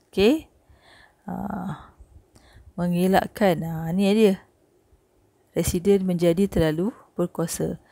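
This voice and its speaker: A woman's voice: on the low side, creaky, mellow, no echo. Chatty Malaysian woman teaching history. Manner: chatty, with frequent "okey", "eh" and "ha" checks. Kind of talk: recorded classroom lesson.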